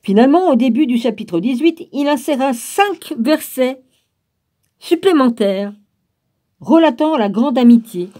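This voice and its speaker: Woman, reads aloud from a book, wry asides, warm fairly high voice. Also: animated, unhurried. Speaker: reader of a book.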